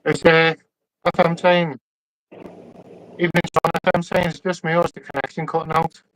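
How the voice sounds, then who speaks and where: A chatty man hosts a casual live stream and keeps an eye on the viewer chat as he talks. His voice sits a little higher than most men's and comes through a shotgun mic that catches the whole room. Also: flat delivery, normal speed, very noisy. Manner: chatty, reads the live chat aloud while talking. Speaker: livestream host. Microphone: shotgun mic that picks up the whole room. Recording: voice on a live call.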